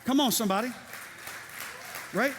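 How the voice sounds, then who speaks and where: A middle-aged male pastor preaching a sermon, energetic and lively, with joking asides and calls to the congregation. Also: very high-pitched, moderate pace, a faint crowd, slight background noise. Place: church sanctuary. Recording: reverberant church hall.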